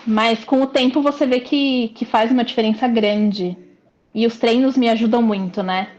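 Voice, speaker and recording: A woman with a Brazilian Portuguese accent, a client chatting reflectively in an interview, often pausing to find her words. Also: a little high, fairly even intonation, darkish tone. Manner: chatty, reflective, frequent hesitations. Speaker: client giving a testimonial. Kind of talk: casual interview. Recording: muffled lo-fi audio.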